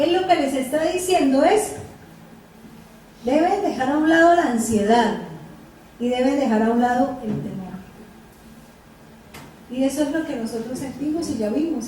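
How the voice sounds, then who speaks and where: A woman with a high, slightly mellow voice teaches a Bible study as a sermon, asking her listeners questions and repeating the verses. She is recorded from a distance in an echoey room with faint noise.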